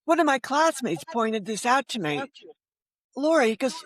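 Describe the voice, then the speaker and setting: Speaking with studio-quality sound and no room echo, this older Connecticut woman, around seventy, shares frank anecdotes as an interview guest, emphatic and fond of rhetorical tag questions. Her voice runs on the high side, very animated, at normal speed.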